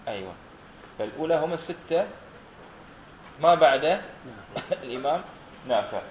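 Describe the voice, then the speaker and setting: A man's voice: a little high, lively intonation, moderate pace, a little hiss or hum. A man teaching a class on Quran recitation, asking his students questions and repeating their answers back patiently. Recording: roomy, dull lo-fi classroom recording.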